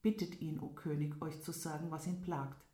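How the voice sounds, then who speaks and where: A woman's voice: deep voice, little pitch movement, normal speed, dark tone, close to an everyday voice. A woman doing a grave royal doctor. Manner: formal, respectful. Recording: roomy echo.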